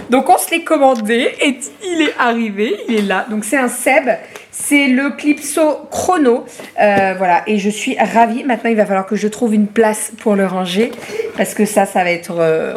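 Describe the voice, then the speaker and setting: A young woman chatting casually in a home vlog as a mother, filling pauses with "euh" and turning aside to coo at her baby. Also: medium pitch, a little hiss or hum.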